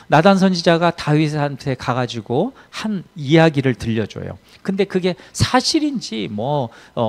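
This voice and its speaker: A man preaching a Sunday sermon as pastor, telling a story with emphatic swings in loudness. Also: mid-range voice, gravelly.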